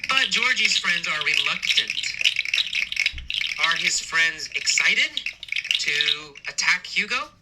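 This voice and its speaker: A male teacher telling a story as a lesson, asking simple questions and answering them himself, slowly and with emphasis. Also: a little high, big pitch swings, very noisy. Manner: slow, repetitive, emphatic questioning. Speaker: English teacher.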